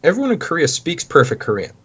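Canadian man, low husky voice, rambling guest in casual chat, muffled recording. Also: wildly swooping pitch, fast talker, a bit bright. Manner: rambling, many restarts, anecdotal. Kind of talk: casual conversation. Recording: dull lo-fi sound.

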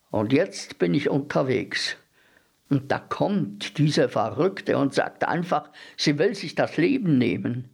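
A man's voice: mid-range voice, gravelly, darkish tone, breathy edge, exaggerated voice. A man voicing a weary young soldier returning from war in a story reading.

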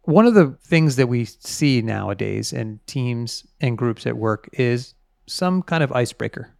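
A man's voice: medium pitch, lively intonation, measured pace, gravelly, a little mellow, no echo, studio quality. A man interviewed as an author, explaining things conversationally and stressing key words.

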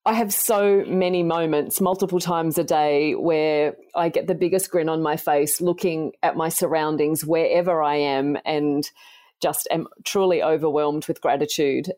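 An Australian woman in her forties, a podcast guest gently and earnestly telling her life story. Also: sits low, steady tone, moderate pace.

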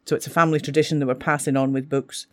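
A woman's voice: a bass voice, level tone, very fast, a bit bright. Enthusiastic woman teacher. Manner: enthusiastic, gushing about books. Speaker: English teacher. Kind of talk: casual talk for school radio.

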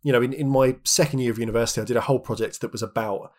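A man's voice: mid-range voice, fairly even intonation, very fast. A man in his thirties co-hosting a podcast, chatting reflectively with lots of restarts and filler words. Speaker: podcast co-host. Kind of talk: reflective casual chat.

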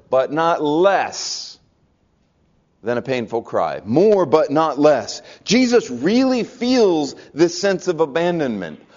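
A man preaching a sermon with earnest conviction, his voice sitting a bit high for a man. He often sinks into a soft hush to press a point home. The recording is dull and lo-fi. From American South. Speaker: pastor.

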